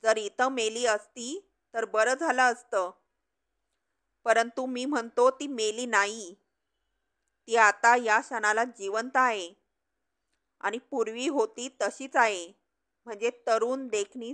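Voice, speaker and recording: Storybook heavy, played by a woman narrator: a jealous man barking threats, slow and fairly high. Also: fairly even intonation. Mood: angry, threatening. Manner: shouting threats. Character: jealous, bullying man demanding a missing girl.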